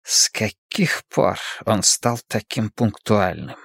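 A man voicing a cold, pale young gang leader who speaks quietly, slowly and with menace. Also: medium pitch, lively intonation, dry recording, clean studio sound. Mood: cold, commanding.

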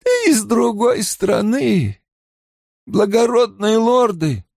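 A stern, weary grey-haired old woman, as a male narrator puts her on, pitched well above his own voice and rising and falling with lively swings. She sounds tired and guarded, heard on a dry, close recording in an audiobook. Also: slow pace, no echo, full character voice. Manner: scolding then tired and guarded. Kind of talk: audiobook character voice.

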